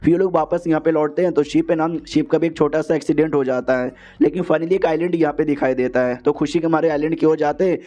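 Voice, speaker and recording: A man's voice: fairly high pitch, steady tone, fast, few pauses, dark tone. A man narrating a story recap in a casual, slangy, rambling way, leaning heavily on filler words, on a dull, lo-fi voiceover recording.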